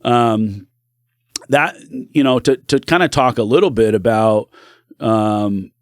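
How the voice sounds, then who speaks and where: A middle-aged man appears as a podcast guest, telling his life story candidly in an earnest, reflective way. His voice is medium in pitch and he takes it slowly, with clean studio sound and no room echo.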